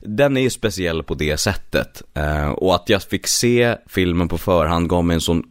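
A man, a voice actor, telling stories in a relaxed interview and acting out the people he quotes. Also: low voice, clear, resonant tone, no echo, studio quality. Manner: animated storyteller, acts out quotes. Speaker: voice actor guest. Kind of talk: casual interview chat.

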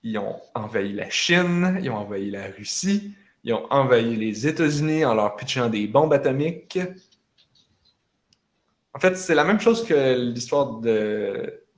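A man with a Quebec French accent, rambling casually through a video game's story with many fillers. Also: fairly low pitch. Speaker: gamer recounting a video game. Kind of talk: casual chat.

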